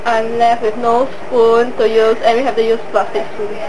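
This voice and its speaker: A woman's voice: on the high side, little pitch movement, normal speed. A young woman chatting wryly to a handheld camera. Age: young adult. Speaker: college program intern. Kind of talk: casual chat to a handheld camera. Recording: noisy home camcorder audio.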